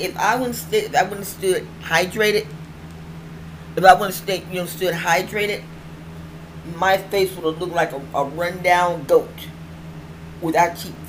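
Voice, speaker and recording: A middle-aged woman with toothless, slightly slurred speech, chatting casually and ramblingly as she hosts her own online show, often repeating phrases for emphasis. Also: lowish voice. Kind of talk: casual vlog chat. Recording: clearly noisy home recording.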